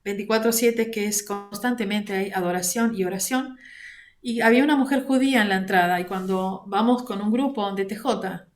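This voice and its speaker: A woman from Argentina with an Argentine accent, teaching an online Bible lesson in a measured way, using fillers like "este", recorded on a computer mic. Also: medium pitch. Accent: Argentine Spanish. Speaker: prayer ministry coordinator teaching a class. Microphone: computer mic on a video call.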